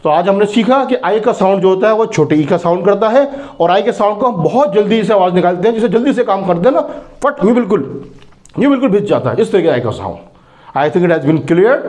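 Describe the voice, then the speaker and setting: A man teaches English sounds in a fairly high voice. He sounds out each example word slowly and asks questions that he answers himself. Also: expressive, darkish tone. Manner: repeats words slowly, asks and answers his own questions. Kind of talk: phonics lesson.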